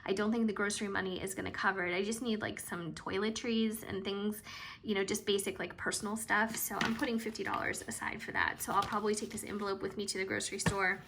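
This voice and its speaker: A woman vlogger talking casually through her cash budget, a bit hoarse and chatty, with frequent hesitations. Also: mid-range voice, fairly even intonation, fast talker, a bit bright, slight background noise. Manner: chatty and hesitant, with frequent ums and trailing asides.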